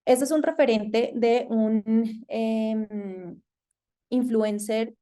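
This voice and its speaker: Colombian woman lecturer, soft mellow tone, measured and hesitant delivery, frequent pauses. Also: fairly high pitch, fairly even intonation. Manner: thoughtful, hesitant with frequent fillers. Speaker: masterclass lecturer. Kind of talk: online lecture.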